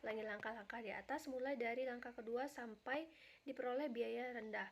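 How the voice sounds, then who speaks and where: A young adult woman, a university student, reading out a class presentation in a steady, step-by-step way. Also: a little high, brisk, creaky, slight background noise. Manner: steady, reads each step in order. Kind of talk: read-aloud class presentation.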